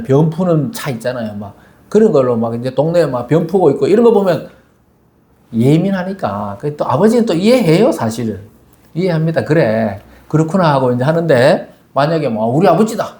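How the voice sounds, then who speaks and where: A man delivers a Sunday sermon in a loose, conversational way, slipping into little acted voices for the people in his stories. His voice sits slightly higher than most men's. The recording carries the echo of a church sanctuary. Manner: conversational, animated storytelling with quoted voices. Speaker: pastor. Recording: echoey church hall.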